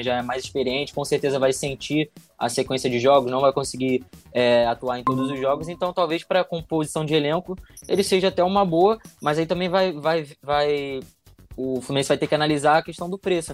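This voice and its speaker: A Brazilian man giving conversational football analysis as a panelist, haltingly, often repeating words as he thinks. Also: a little high.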